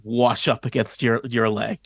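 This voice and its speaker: A man running a tabletop game as game master, narrating scenes to players in halting, hesitant phrases with a creaky voice. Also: medium pitch, flat delivery, dry recording, studio quality.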